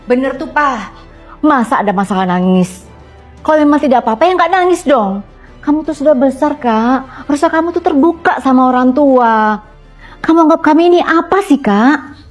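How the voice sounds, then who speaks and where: A woman's voice: high-pitched, lively intonation, moderate pace, soft background music. A woman playing a fussy middle-aged mother who scolds and teases her grown daughter in a comedy sketch. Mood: scolding. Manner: loud, nagging, teasing.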